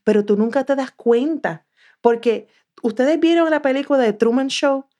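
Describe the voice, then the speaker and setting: A woman from southern Puerto Rico with a Puerto Rican accent, a podcast guest telling her story in a lively way and acting out what she once said. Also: sits high, normal speed. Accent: Puerto Rican Spanish. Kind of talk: casual interview.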